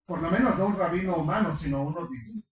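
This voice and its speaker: A middle-aged man preaching a sermon to his congregation, animated, firing rhetorical questions and slipping in humorous asides. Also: high-pitched, fast. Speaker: pastor. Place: large congregation hall. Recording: echoey hall from far off.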